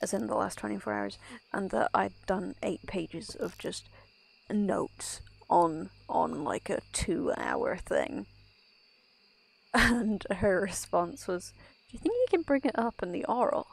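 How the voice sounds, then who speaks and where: A young Irish woman chats casually while streaming a game, her medium-pitched voice expressive, slow, and creaky with a breathy edge. She rambles, cuts herself off mid-thought, and laughs often.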